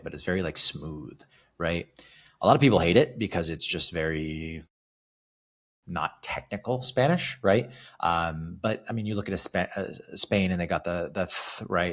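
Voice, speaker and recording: The voice is low-pitched and a bit bright: a California fitness coach hosting a solo podcast of motivational talk. Casual and conversational, he tags many of his sentences with a questioning "right?".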